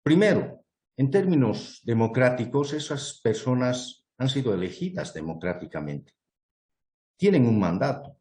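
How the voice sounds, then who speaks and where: A man's voice: mid-range voice, darkish tone, roomy sound. A man, a guest speaker making an earnest, argumentative case in an online panel talk, with many fillers and restarts. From Bolivia. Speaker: guest speaker presenting a proposal.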